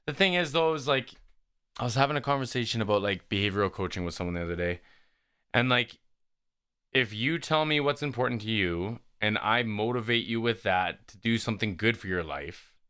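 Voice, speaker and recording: A man's voice: on the low side, pushed and bright, smooth. A man hosting a reaction video, musing aloud in a laid-back way and saying "like" and "man" a lot. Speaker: YouTube reaction host. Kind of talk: casual reaction commentary.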